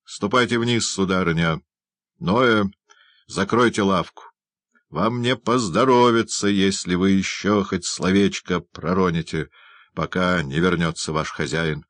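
A man's voice: sits low, a little slow, dry recording. A man reading an audiobook, voicing a pompous, blustering middle-aged male parish beadle who scolds and moralizes indignantly. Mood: outraged.

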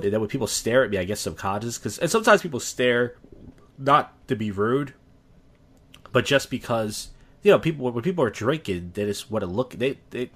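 A man hosting a casual podcast chat, rambling with many fillers and restarts. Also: medium pitch. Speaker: podcast host.

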